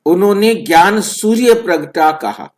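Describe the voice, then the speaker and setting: A man explaining scripture slowly and deliberately as a spiritual teacher, repeating phrases for emphasis over an online call. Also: high-pitched, animated. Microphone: online video call.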